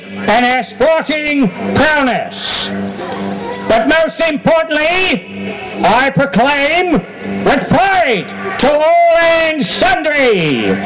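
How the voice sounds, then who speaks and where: An older man bellows a proclamation as a town crier. His voice is pushed very high and swings widely in pitch. Each phrase is drawn out ceremonially and carried through a PA on an outdoor stage. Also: low-quality recording. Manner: booming, ceremonial, drawn-out delivery. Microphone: stand microphone through PA.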